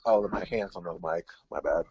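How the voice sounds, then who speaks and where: A man's voice: sits low, normal speed, very noisy. A man calling in to a board game, his voice muffled as if heard through a wall because his hand covers the mic, giving short, hesitant moves and questions. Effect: muffled, as if through a wall, hand over the mic. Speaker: board game opponent on a call. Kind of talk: casual game talk. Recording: dull, muffled, distant sound.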